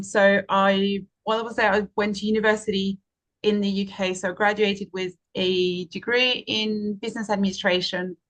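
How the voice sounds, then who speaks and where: A woman in her forties from France, speaking as an interview guest, explaining her work steadily with frequent pauses. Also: medium pitch, fairly bright tone. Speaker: guest, fundraising and marketing consultant. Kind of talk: interview answer, casual.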